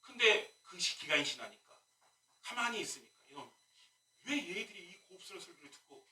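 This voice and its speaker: A male pastor preaches with a high, strikingly bright and forceful voice that swings widely in pitch. He keeps throwing rhetorical questions and wry asides at his congregation. The sound comes from a distance in an echoey church sanctuary. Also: very animated, brisk. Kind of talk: sermon. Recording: echoey room, mic at a distance.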